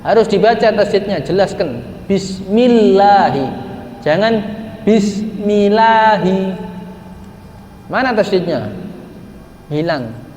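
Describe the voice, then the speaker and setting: A man's voice: sits high, very animated, a little mellow, slight background noise. Man teaching in an echoey hall. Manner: asks rhetorical questions, slowly chants Quran words as examples. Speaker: religious teacher. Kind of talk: religious study lesson. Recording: echoey hall with faint ambience.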